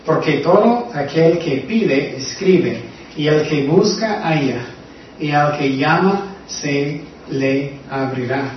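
Male Bible study leader, slightly high voice, questions the group, very reverberant distant recording. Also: takes it slowly, slight background noise. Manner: asks listeners questions often. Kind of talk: conversational Bible teaching. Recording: very echoey, distant, dull room recording.

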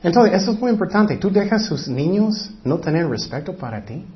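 A man preaches a sermon as pastor in a high, sing-song voice at a brisk clip, emphatic and repetitive, sometimes acting out short voices. The recording is dull and lo-fi.

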